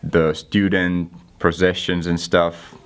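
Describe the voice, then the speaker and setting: A young Finnish man, a native speaker with a Finnish accent, is a guest intern answering interview questions casually with dry, self-deprecating humor. His voice sits low and level, slow and clear, with a resonant tone.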